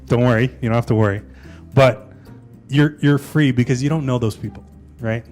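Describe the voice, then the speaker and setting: A man's voice: medium pitch, moderate pace, a little mellow, soft background music. A man in his forties, a stand-up comedian, chatting casually about his life and telling jokes, often tagging his lines with "right?". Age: 40s. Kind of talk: casual interview and stand-up set.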